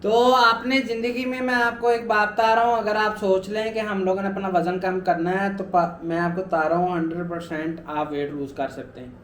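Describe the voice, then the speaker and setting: High-voiced young man in an echoey room. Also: little pitch movement, moderate pace, few pauses, fairly bright tone, a little hiss or hum. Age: 20s. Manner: earnest, repetitive motivational urging. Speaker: vlogger. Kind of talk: personal weight-loss vlog.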